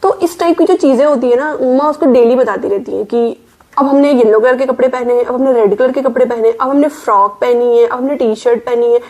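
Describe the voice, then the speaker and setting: A woman's voice: a little high, a little mellow. A young Indian working mother giving casual parenting advice, explaining step by step and mixing English words into her Hindi.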